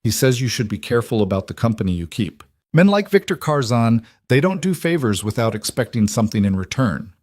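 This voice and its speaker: A man's voice: mid-range voice, very animated, brisk, hardly any pauses, darkish tone, dry recording, studio quality. A man voicing a smug rich young man who gives veiled warnings. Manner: smooth, veiled menace.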